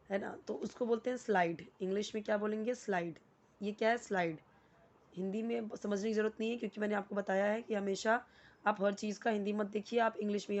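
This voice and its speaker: A woman's voice: mid-range voice, darkish tone. A woman teaching English vocabulary. She explains each word patiently, repeats it with its meaning, and asks and answers her own questions. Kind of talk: explaining English words in Hindi.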